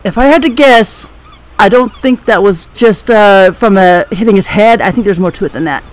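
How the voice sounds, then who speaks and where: A man's voice: sits high, normal speed, low-quality recording. A man giving casual game commentary, thinking aloud hesitantly and reading notes out. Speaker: video game player.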